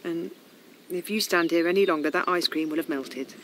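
A woman's voice: on the low side, normal speed, fairly bright tone, a little hiss or hum, lightly acted. An actress playing a guarded, curt young mother who pushes back at an interfering man. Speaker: Pip, a mother. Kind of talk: radio drama acting.

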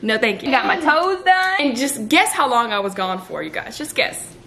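A woman's voice: a little high, very animated, normal speed, vocal fry, a bit bright, slight background noise. A woman, a stay-at-home mom, chatting candidly to camera in her home kitchen with lots of slang and laughter. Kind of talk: casual vlog chat to camera.

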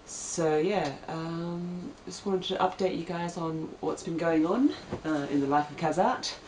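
A woman's voice: low-pitched, darkish tone, slight background noise. A young woman from Australia chatting to her camera at home, hesitant and full of ums. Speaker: vlogger. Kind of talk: casual chat to camera. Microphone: camera mic. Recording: echoey room, mic at a distance.

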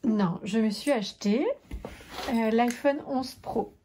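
A woman's voice: on the high side, slow, crowd noise. A woman, the mother on a family vlog, chatting casually, teasing and using many fillers. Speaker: mother of the vlogger, co-host. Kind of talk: casual home video chat.

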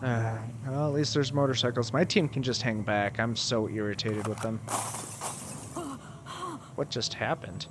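A man's voice: mid-range voice, steady tone, a little slow, pauses often, background noise. Exasperated man commenting on his gameplay. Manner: exasperated, swears, talks to his viewers. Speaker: video game player. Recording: game sound playing loudly under his voice.

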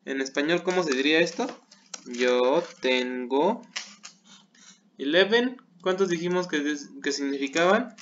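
Patient male teacher, unhurried and slightly high, muffled home recording. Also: fairly bright tone, a little hiss or hum. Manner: patient, keeps checking with "¿sale?". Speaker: English teacher. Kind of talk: online class explaining English words.

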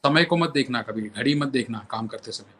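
A man's voice: medium pitch, a little fast, fairly bright tone, husky. A male violinist and composer telling anecdotes as an interview guest, repeating phrases for emphasis.

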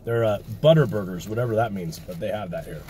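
A man's voice: fairly low pitch, fast talker, warm tone, a little hiss or hum. A man in a casual food review, talking bluntly with his mouth full of burger. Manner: blunt, profane, offhand commentary. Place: inside a parked car.

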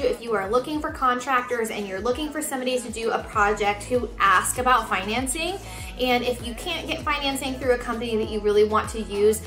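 Female home vlogger, 30s, conversational explainer with a bright tone, roomy indoor sound and light music underneath. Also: on the high side. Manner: chatty, explanatory. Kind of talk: casual explanatory vlog to camera. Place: living room indoors. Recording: roomy living-room echo, music underneath.

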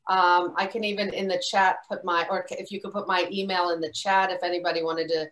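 A woman filmmaker answering audience questions in a relaxed way. She talks haltingly, with many restarts and a lot of "you know.". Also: on the low side, rough recording. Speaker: filmmaker guest speaker. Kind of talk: casual Q&A talk. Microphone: video call.

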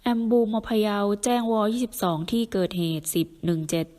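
A woman's voice: mid-range voice, fairly quick, warm tone. A woman speaks as a radio dispatcher in a mid-range voice. She follows strict walkie-talkie procedure, repeating coded reports in a formulaic manner. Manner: formulaic, procedural read-back. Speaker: emergency dispatch centre radio operator. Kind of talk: scripted walkie-talkie radio procedure, reading back messages in codes.

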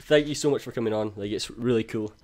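A man's voice: mid-range voice, fast, darkish tone. A man hosting a podcast, enthusiastic and full of casual fillers. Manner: enthusiastic, many fillers and likes. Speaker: podcast host.

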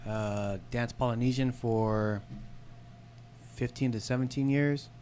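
A man in his thirties, a podcast guest from San Diego, talking about his life in a relaxed, unhurried way with fillers, into a studio mic. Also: medium pitch, a little hiss or hum. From San Diego, California. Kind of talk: casual podcast chat. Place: small studio with red curtains. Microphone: studio mic on boom arm, headphones.

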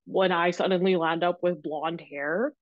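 A young woman from the Canadian prairies, a registered dietitian, is a guest in a casual interview, speaking over a laptop microphone on a video call from a small room at home. Her voice sits a little low and slightly muffled, at a measured pace, with close, dry sound. She talks in a loose, animated, gesturing way, packed with filler words, especially "like."

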